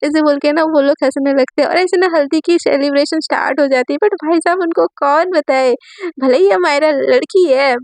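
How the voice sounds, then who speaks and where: A woman's voice: sits high, moderate pace, a little mellow, dry recording. A woman narrating a love story casually, in a chatty way with many fillers.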